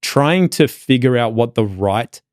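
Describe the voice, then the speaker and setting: A man's voice: mid-range voice, lively intonation, unhurried, no room sound, studio quality. A man with an Australian accent, talking as a podcast guest in a loose, reflective way, full of fillers and restarts. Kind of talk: casual conversation.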